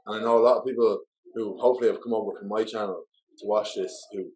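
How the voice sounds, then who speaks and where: A man's voice: fairly low pitch, steady tone, fast, darkish tone, rough recording. A man hosting a casual podcast interview, asking eager questions and swearing freely. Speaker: podcast host.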